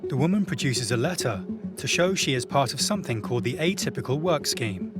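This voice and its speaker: A man's voice: medium pitch, animated, fairly quick. A man reading scripted documentary narration. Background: loud music.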